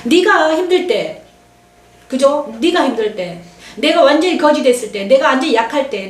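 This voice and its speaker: A woman's voice: sits high, distant mic. A middle-aged woman pastor giving an emotional, confiding testimony sermon and acting out what others said. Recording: echoey room, voice from off-mic.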